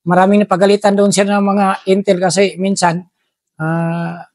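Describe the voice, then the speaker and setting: A middle-aged man, a former special forces soldier telling war stories in an interview, deferential and halting, saying "sir" after nearly every phrase. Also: sits high, little pitch movement, a little mellow, no room sound. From Philippines. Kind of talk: casual interview storytelling.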